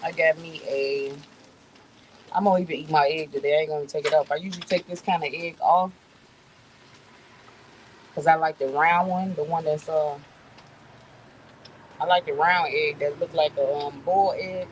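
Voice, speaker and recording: A woman's voice: low-pitched, steady tone, moderate pace, pauses often, slight background noise, rough recording. A woman vlogging outdoors, chatting casually to her viewers with lots of fillers and easy laughs. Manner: rambling, laughs often, many fillers. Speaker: vlogger host.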